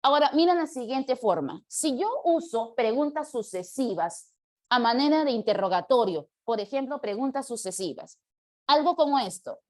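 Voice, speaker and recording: A woman's voice: high voice, lively intonation. A woman teaching a live online language class, explaining patiently and taking student questions. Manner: patient, explanatory, reads questions aloud slowly.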